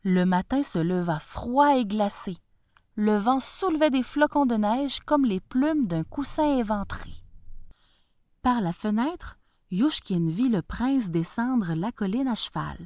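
A woman storyteller reads a storybook aloud in a gentle, expressive voice. She takes her time, and her pitch rises and falls with the tale. The sound is close and dry. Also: slow, dry recording.

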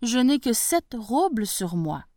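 A humble old clockmaker who worries over every task, as a woman storyteller puts him on. He talks slowly and hesitantly, with a lively rise and fall in his voice. The sound is dry and close. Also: fairly high pitch, dry recording.

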